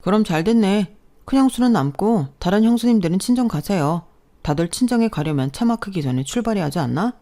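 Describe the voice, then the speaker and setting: A woman's voice: medium pitch, expressive, fairly quick, mellow, voice pushed up, lightly acted. A woman voicing a young husband in a radio drama who argues bluntly with his family on his wife's behalf. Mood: sarcastic. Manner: blunt, argumentative pleading.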